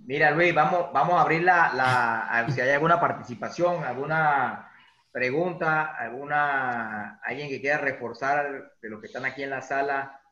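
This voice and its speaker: Bright-voiced host in an echoey room. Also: male voice, mid-range voice, normal speed, dull audio. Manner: rambling, filler-heavy questions. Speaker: host, interviewer. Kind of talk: conversational interview hosting.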